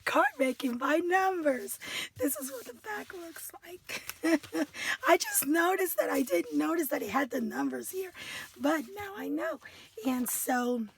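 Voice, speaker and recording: A high-pitched woman unboxes craft kits in a chatty, self-mocking way, laughing often and tripping over her words. She takes her time and talks slowly. She is from the United States. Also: sing-song, vocal fry. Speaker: craft vlogger. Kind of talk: casual product unboxing.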